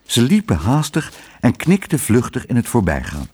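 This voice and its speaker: A man reads a children's story aloud with a husky, breathy voice. His delivery is animated, rising and falling widely as he tells the tale. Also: mid-range voice, normal speed. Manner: expressive, animated reading.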